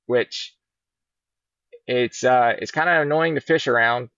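Over muffled, dull video call audio from a laptop webcam, a middle-aged Virginia fishing guide chats on a podcast from inside a big showroom. His mid-range voice is gravelly and unhurried, the recording is dry, and he's a relaxed storyteller who drifts from point to point.

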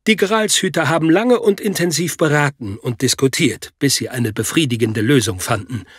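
A man voicing a gentle, calm male guardian of a secret who explains things mildly, in an audiobook. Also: mid-range voice, normal speed, breathy edge, no echo, clean studio sound. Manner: mild and explanatory.

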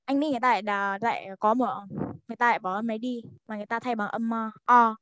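A woman's voice: on the high side, fairly even intonation, fast, a bit bright, dry recording, dull audio. A young woman, eagerly explaining in a casual study group chat, rambling with many fillers.

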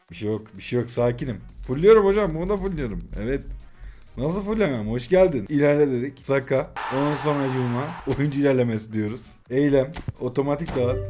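A man in his twenties commentating a late-night mobile game stream, excitable and swinging between groans and shouts. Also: mid-range voice. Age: 20s. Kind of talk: live pack-opening stream commentary.

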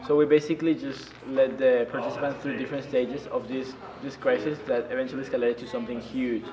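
A man's voice: medium pitch, little pitch movement, quick pace, echoey room, a crowd in the background. A young male student casually explaining an activity in an interview. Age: young adult.

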